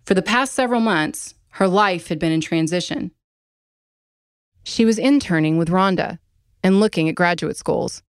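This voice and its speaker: A woman host reading scripted true-crime narration in a calm, measured way. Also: fairly low pitch, clean tone, dry recording, clean studio sound. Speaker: podcast host, private investigator.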